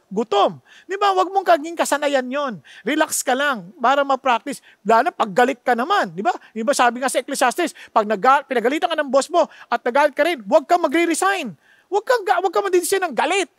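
Filipino pastor, high voice, emphatic sermon delivery, rhetorical questions, dry close sound. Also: male voice, lively intonation, a little fast, fairly bright tone, no room sound. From Philippines. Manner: mixes Tagalog with English phrases.

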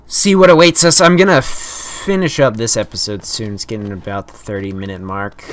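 A young man giving casual commentary while playing a video game, playful and prone to theatrical shouted taunts. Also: fairly low pitch, normal speed, dry recording. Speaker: let's play host.

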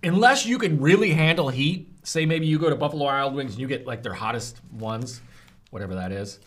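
Animated man reviewing hot sauce. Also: medium pitch, fairly quick. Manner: animated, groaning and gasping from the heat. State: mouth burning from hot sauce. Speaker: food reviewer. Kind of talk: casual food review vlog.

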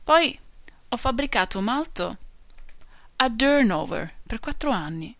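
A woman's voice: a little high, lively intonation, slow pace, a bit bright, dry recording, pitched above the performer's own voice, exaggerated voice. A woman voicing a very old, touchy male maltster who tallies his years emphatically, read from a storybook. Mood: boastful.

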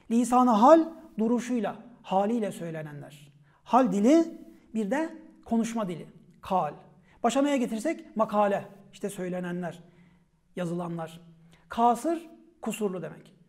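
A man teaching a vocabulary lesson on Ottoman Turkish word roots. He calls out each word sharply, then explains it in a quieter, falling voice. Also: high-pitched.

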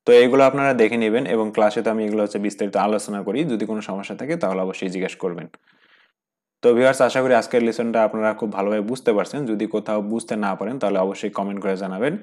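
Young male tutor from Bangladesh, lowish pitch, brisk step-by-step delivery. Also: fairly even intonation, a little mellow. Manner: plain step-by-step explaining, often asks then answers. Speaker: Chinese language teacher. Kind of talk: explaining a textbook lesson.

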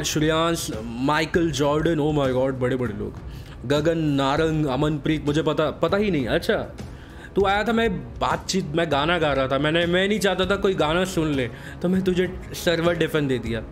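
A man hosting a casual live game stream, voice hoarse from a sore throat, greeting viewers by name in a breezy, joking way. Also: fairly high pitch.

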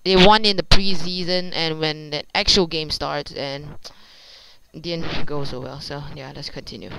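A young male sports fan reacting casually to a game with excitable exclamations. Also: on the high side, unhurried, creaky, noisy background. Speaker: reaction video host. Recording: broadcast audio playing behind.

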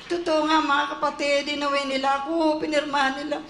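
A woman's voice: high-pitched, level tone, brisk, reverberant. A woman giving a fervent church testimony, often breaking off to say hallelujah and praise God. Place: church service.

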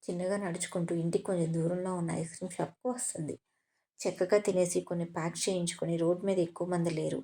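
A woman storyteller giving a steady, scripted narration of an audio drama story. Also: fairly low pitch, fast.

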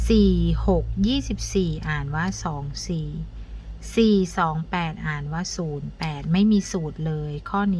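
A woman leads an abacus math lesson in a slightly low voice. She counts the digits aloud one at a time and stops to ask her pupils for each answer. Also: slight background noise.

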